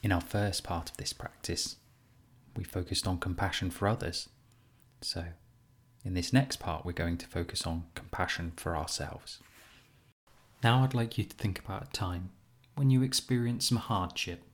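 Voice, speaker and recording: A man leading a guided compassion meditation as a teacher, speaking in a gentle, soothing, unhurried way with pauses. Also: sits low.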